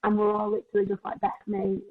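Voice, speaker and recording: A chatty twenty-one-year-old woman speaking as a podcast guest, a personal trainer who fills her talk with casual filler words. Her voice sits at an ordinary middle pitch for a woman. The sound is thin and tinny, as if over a phone line. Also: monotone. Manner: chatty, quick, lots of "like" and "you know".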